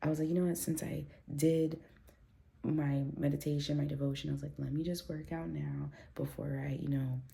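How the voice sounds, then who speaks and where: Speaking into her phone at home for a casual, chatty vlog, a woman rambles in a very low, gravelly voice with a mellow, dark tone, full of fillers and restarts. She keeps a level tone at a moderate pace and sounds slightly congested after a recent cold.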